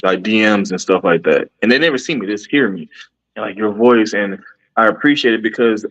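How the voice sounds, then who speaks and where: Over poor audio, a man who is both a podcaster and a musician talks earnestly in a casual interview, rambling and restarting often. His voice is lowish, a little fast, and a bit bright.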